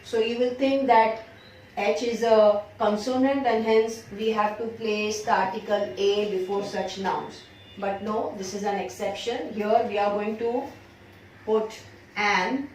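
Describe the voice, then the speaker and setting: An Indian woman teaching English grammar, stretching out each example sentence word by word before explaining it in a quicker Hindi. Her voice is captured from a distance in a strongly echoing room with a faint ambient hiss. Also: medium pitch, steady tone, a little mellow. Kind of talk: grammar lesson. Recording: far-off echoey room recording.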